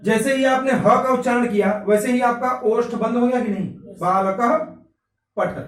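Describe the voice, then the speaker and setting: A man with a very high voice teaches Sanskrit grammar in a classroom. He sounds out each letter and keeps quizzing his students. He is recorded from a distance in an echoey room. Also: fairly even intonation, brisk. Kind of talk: classroom lesson. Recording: echoey room, mic from afar.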